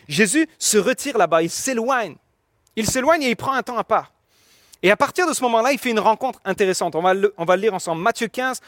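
A man preaching, his voice sitting high for a man and close and dry on the mic. He explains in an earnest, teaching tone, stumbling and restarting phrases as he goes. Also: a bit bright, no echo. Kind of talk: sermon.

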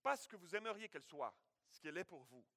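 A man with a high, bright voice preaching a sermon. He tells his story in an animated way, voicing sound effects and stumbling through restarts. The sound is dry and close, with no room echo. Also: fast talker. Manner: frequent restarts and repeated words. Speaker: pastor. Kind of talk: sermon with a personal anecdote.

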